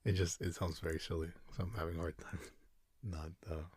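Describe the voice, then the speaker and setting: Very deep, sleepy, husky male ASMR voice. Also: little pitch movement, a little mellow, no echo. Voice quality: breathy, husky, slipping into whisper. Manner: sleepy, drowsy, unhurried and hesitant. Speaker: sleep podcast host. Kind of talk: soft ASMR bedtime rambling.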